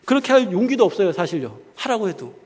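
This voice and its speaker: A man's voice: high voice, sing-song, fast, darkish tone, husky. Guy preaching a casual sermon, lots of rhetorical questions, long echo of a big church hall. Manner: asks the crowd rhetorical questions, colloquial. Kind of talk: conversational sermon.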